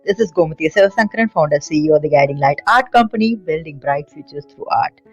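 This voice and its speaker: A woman's voice: sits low, expressive, fast talker, breathy edge, lo-fi sound, faint music behind. Reactive woman hosting an interview. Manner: warmly reactive, frequent small affirmations and laughs. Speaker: host.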